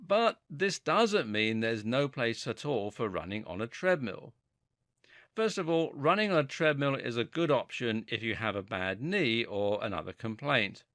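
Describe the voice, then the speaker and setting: Male narrator for scripted fitness explainer: articulate, animated pitch movement, dry studio-like sound. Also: no room sound.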